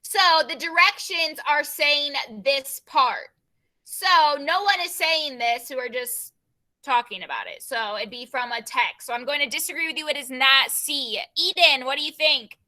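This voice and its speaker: A young woman teacher leading an online grammar class over a video call, brisk and given to repeating her prompts. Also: high voice, pushed and bright.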